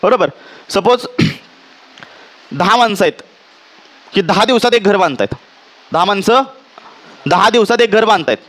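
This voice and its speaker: Marathi guy teaching physics in class, high voice, keeps checking everyone gets it, dictates slow. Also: lively intonation, fairly bright tone. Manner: quizzes students with frequent checks and dictates slowly. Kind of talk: classroom lecture.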